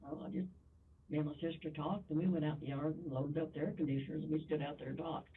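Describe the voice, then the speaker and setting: Husky woman witness in a police interview, plain storytelling, tinny and far off. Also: low-pitched, steady tone, fast talker. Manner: plain storytelling, many wells.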